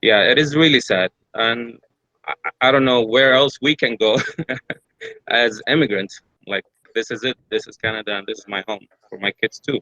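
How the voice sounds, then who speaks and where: A man's voice: medium pitch, moderate pace, sharp tone, no room sound, muffled recording. A middle-aged man from Iraq with an Iraqi accent, asking a hesitant question at a public forum. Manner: hesitant, many filler sounds and restarts. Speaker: audience member asking a question.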